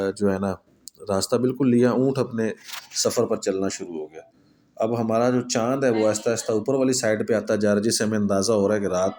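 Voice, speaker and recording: A man's voice: fairly low pitch, mellow, slight background noise. A man narrating a horror story in a conversational way, retelling a night's events as if they were his own.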